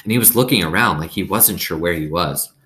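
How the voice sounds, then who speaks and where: A low-pitched man reads a children's novel aloud at a fairly quick pace, his tone pushed and bright. He narrates expressively, like a storyteller performing for young listeners.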